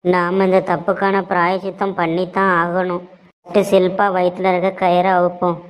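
Cartoon role: remorseful, scheming young man, played by a woman, Tirunelveli Tamil accent, low flat delivery. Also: moderate pace, smooth, close to an everyday voice. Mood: guilty musing. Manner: pleading, theatrical. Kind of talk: cartoon voice acting. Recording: dull lo-fi sound.

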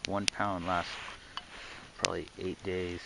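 A man's voice: sits low, level tone, slow, creaky. A middle-aged man talking plainly as he works at a winter campsite in a snowy forest, explaining each step on camera. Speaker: winter camper filming his trip. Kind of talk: casual outdoor narration. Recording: loud outdoor background noise.

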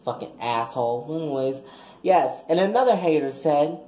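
A man's voice: fairly high pitch, animated, moderate pace, mellow, slight background noise, close to an everyday voice. A man voicing a brash, foul-mouthed young woman graduate giving a crude, combative speech in a comic skit. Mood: sassy. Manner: crude, combative, trash-talking. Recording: echoey room.

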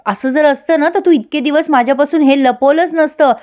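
A woman's voice: sits high, fairly even intonation, fairly quick, darkish tone, voice pushed up, close to an everyday voice. A woman voicing an angry young man who heatedly accuses and scolds his friend. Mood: heated accusing.

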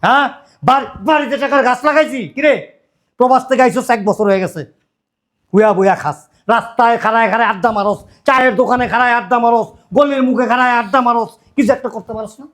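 A man's voice: very high voice, quick pace. A man playing a ranting father-in-law. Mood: furious. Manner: shouting, berating, repetitive rants. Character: loud scolding middle-aged father-in-law.

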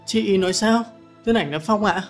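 A frightened young man stumbles over his words in nervous, hesitant stammers, voiced by a male audiobook reader. The voice stays close to the reader's own, and a soft guitar hums behind. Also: high voice, moderate pace, pitched above the performer's own voice. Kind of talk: audiobook character voice.

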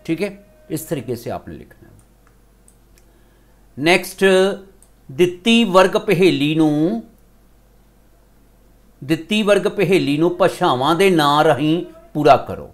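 A male school teacher with a Punjabi accent, slowly explaining a grammar lesson step by step, switching between two languages. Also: on the high side, expressive.

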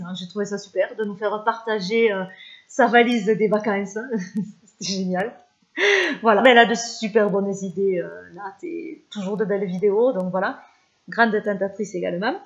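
A woman's voice: mid-range voice, highs cut off. A French-speaking woman vlogger chatting casually about her favorite channels, with many hesitations and fillers.

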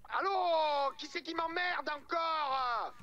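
A man's voice: extremely high pitch, vocal fry, lo-fi sound, noisy background. A man voicing a rude, irritable older man with a mocked accent who snaps over the phone. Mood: grumpy. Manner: irritable, shouting, quick to take offence. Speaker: roleplay game player on a phone call.

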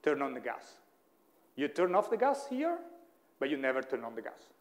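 A man's voice: mid-range voice, sing-song, normal speed. Man lecturing, checking in with "hmm?". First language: Italian. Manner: thinking aloud, frequent "hmm?" checks with listeners, self-corrections. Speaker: university lecturer. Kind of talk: classroom lecture.

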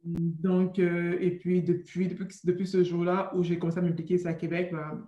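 A woman in her thirties from Cameroon, raised in France, speaking as an entrepreneur guest in a video call interview, quick and full of restarts. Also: on the low side, flat delivery, dark tone, lo-fi sound. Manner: quick, with many restarts and fillers. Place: room with a brick arch at home. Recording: roomy video call audio.

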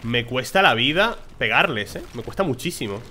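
A man giving casual, excitable commentary on his own gameplay, swearing when surprised and talking to himself. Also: medium pitch, moderate pace. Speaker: gameplay streamer.

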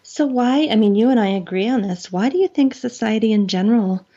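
A woman's voice: a little high, a little fast, dark tone, husky, highs cut off. A woman in her forties, a podcast guest, talking in an earnest, thoughtful and chatty way. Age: 40s. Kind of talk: casual conversation.

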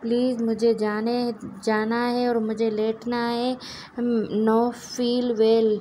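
Woman reading a fed-up young guy who won't be won over, flat delivery, bit of hiss behind. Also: fairly high pitch, slow pace. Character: annoyed young man refusing to be coaxed.

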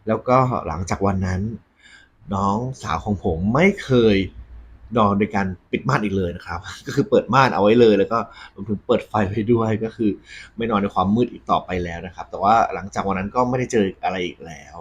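A man hosting a ghost story segment, talking conversationally and politely to his audience with a husky voice. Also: fairly low pitch, fairly quick. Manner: polite, frequent Thai male polite particles.

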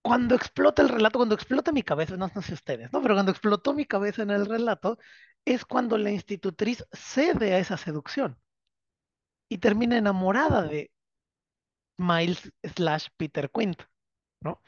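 A literature teacher lectures a course class, retelling the story with animated drama and tossing "right?" checks to the students. The recording sounds dull and lo-fi. It is bone-dry, with no room sound. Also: mid-range voice, moderate pace, no echo. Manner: keeps checking understanding with tag questions.

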